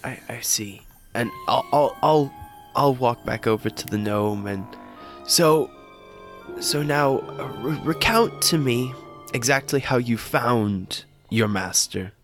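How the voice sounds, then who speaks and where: A man's voice: medium pitch, takes it slowly, soft background music. Stammering man playing a tabletop game. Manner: stammering, repeats words. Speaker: player.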